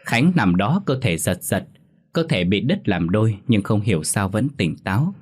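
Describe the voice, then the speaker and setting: A man narrating a ghost story in a steady, dramatic storytelling manner. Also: lowish voice, moderate pace, slightly rough. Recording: faint music underneath.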